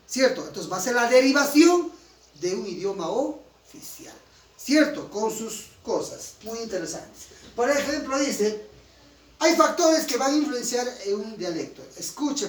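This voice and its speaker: Peruvian teacher lecturing in echoey room. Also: male voice, high-pitched. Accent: Peruvian Spanish, from Huancayo. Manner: emphatic, keeps checking with students. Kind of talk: classroom lecture. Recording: roomy, distant, faint room noise.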